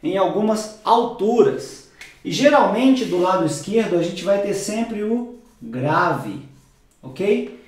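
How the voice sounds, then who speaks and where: A man teaching music theory at a whiteboard, explaining patiently, repeating key words and dropping his voice low for asides. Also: expressive, slow. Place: room with whiteboard. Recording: very echoey room.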